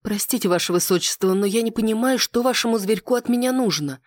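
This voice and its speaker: A woman's voice: fairly high pitch, fast talker, no room sound, clean studio sound, voice pushed up, natural voice. A reader voicing a nervous young noblewoman in an audiobook, speaking politely and hesitantly. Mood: anxious politeness. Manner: hesitant, courteous.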